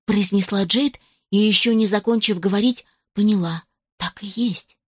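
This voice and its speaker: Женщина, ровно читающая аудиокнигу. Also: female voice, medium pitch, normal speed, husky, no echo, clean studio sound. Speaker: audiobook reader. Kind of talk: scripted narration.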